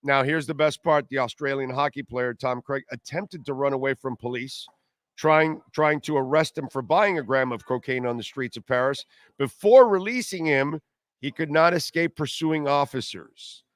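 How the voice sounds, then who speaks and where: Mid-pitched man hosting sports-talk radio. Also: normal speed, a bit bright, no room sound. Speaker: radio show host.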